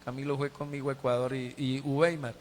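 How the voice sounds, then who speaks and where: A man's voice: mid-range voice, level tone, quick pace, slight background noise. A middle-aged man, a Colombian pastor, preaching a sermon and telling a personal testimony with emotion and a lot of repetition. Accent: Colombian Spanish. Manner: emotional storytelling with heavy repetition. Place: church sanctuary. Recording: long church reverb.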